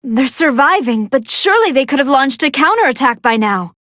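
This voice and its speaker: A woman voicing a polite, soft-hearted female android scientist who gives formal, earnest and expressive commentary on fights in a video game. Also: high voice, brisk, dry recording, clean studio sound. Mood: composed, curious. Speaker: match commentator.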